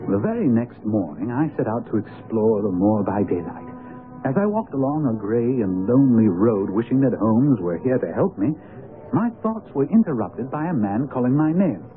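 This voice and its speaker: An actor playing a courteous, cautious gentleman doctor in a radio drama, polite and reserved as he investigates. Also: mid-range voice, big pitch swings, moderate pace, soft background music, lightly acted. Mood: reflective. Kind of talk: radio drama acting and narration. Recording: phone-like vintage radio broadcast.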